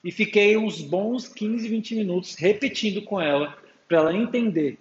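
A man's voice: high voice, normal speed. A man preaching a sermon to a congregation, calling for amens and acting out talks with his little daughter. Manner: calls out to the congregation with frequent amens; acts out dialogues with his daughter. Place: church hall with an audience. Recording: echoey hall, dull sound, faint hum.

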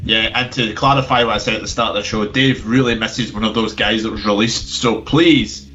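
A man's voice: fairly low pitch, steady tone, fairly quick, pushed and bright, highs cut off, soft background music. A man talking casually as a panelist on a podcast. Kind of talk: casual chat.

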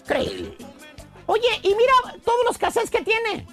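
A man's voice: extremely high pitch, lively intonation, measured pace, soft background music. A Mexican man hosting a comic radio show, telling a teasing story with lots of exclamations. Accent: Mexican Spanish.

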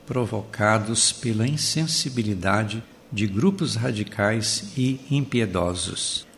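A man's voice: lowish voice, a bit bright, a little hiss or hum. Solemn man reading a reflective article. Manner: measured, earnest, solemn reading. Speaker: bishop reading his article. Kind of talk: read-aloud reflective article.

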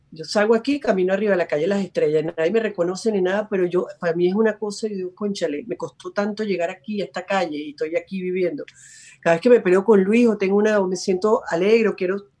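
An actress telling stories as a guest on a video call, chatty and quoting herself. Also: female voice, mid-range voice, a little mellow, husky. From Venezuela. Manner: chatty, tells stories, acts out her own quotes. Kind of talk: casual interview chat.

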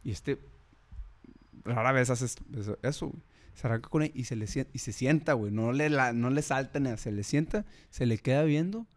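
A man with a Mexican accent chats casually and tells a story, his mid-range voice animated and a little fast. His talk is slangy, and he drops "güey" constantly.

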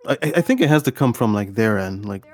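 A man's voice: fairly low pitch, lively intonation, fast talker, a little mellow, a little hiss or hum. A young man hosting a casual podcast, laughing and swearing as he reacts to a clip. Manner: laughing, profane banter. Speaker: podcast host.

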